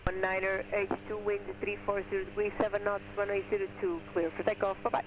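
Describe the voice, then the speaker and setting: Crackly radio, fast high-pitched tower controller, man. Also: level tone, highs cut off. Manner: clipped, procedural phraseology. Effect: crackly aviation radio. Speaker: airport tower air traffic controller. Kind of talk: air traffic control radio instructions. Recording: crackly, very noisy airband radio.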